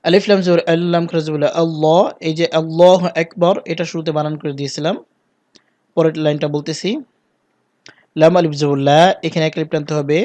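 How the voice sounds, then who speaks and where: A man teaching the call to prayer, spelling out each word and reciting phrases in a slow, drawn-out chant between plain explanations. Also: on the high side, flat delivery, warm tone, no room sound.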